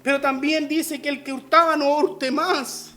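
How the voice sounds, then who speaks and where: A man's voice: very high-pitched, little pitch movement, measured pace, pushed and bright. A man with a Chilean Spanish accent, a pastor preaching an online sermon and often calling his listeners brother.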